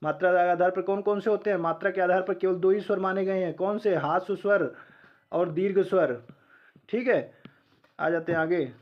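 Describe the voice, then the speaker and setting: A male teacher with a fairly high voice runs through an exam-prep lesson, firing off questions and answering them himself. He slows down to spell out sounds one at a time. The recording is a little dull and lo-fi. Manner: sounds out letters slowly one by one.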